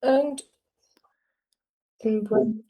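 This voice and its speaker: A woman with a slightly high, mellow voice, demonstrating steps in a live coding tutorial. She speaks very slowly and haltingly, filling pauses with "uh" while she hunts for the right English word. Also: slightly rough. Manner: halting, many filler sounds, searching for English words. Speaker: student presenting her work. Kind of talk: live screen-share tutorial.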